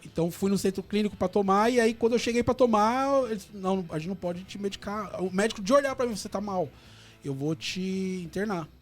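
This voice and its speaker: Brazilian male radio guest; high, rapid, animated storyteller at a studio mic. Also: faint music behind. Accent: Brazilian Portuguese.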